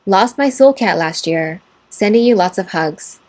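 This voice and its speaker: A woman narrator reads online posts and their comments aloud at an even, measured pace. Her voice sits at a middle pitch, neither high nor low. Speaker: story narrator.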